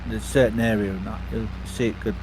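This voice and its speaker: Laid-back man with a lowish voice. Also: steady tone, fast, a little mellow, a little hiss or hum, poor audio. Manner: laid-back, hesitant with many ums. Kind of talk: casual chat.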